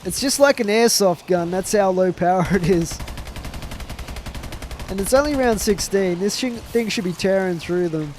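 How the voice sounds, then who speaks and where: The speaker is a young male gaming commentator with a chest infection that leaves his voice stuffed up as he rambles casually over a zombie shooter. His voice sits high with a darkish tone at a moderate pace, and he's chatty, often trailing off with fillers. A little hiss or hum can be heard.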